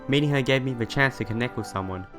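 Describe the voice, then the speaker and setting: A young let's player works through a visual novel for viewers, reading aloud and commenting in an informal, earnest way while game music plays behind him. His mid-range voice is fast and fairly bright.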